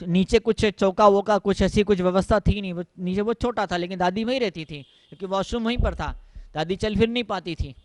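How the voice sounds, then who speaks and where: A man's high voice delivering a sermon as a monk, repeating his points for emphasis. The sound is dry and close. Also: no echo. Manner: repetitive, emphatic, mixing English phrases. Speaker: Jain monk.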